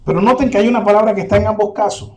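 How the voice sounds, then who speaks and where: A man's voice: high-pitched, fairly even intonation, rapid-fire, a little hiss or hum. A man preaching a sermon to his congregation, earnest and direct, repeating his key points.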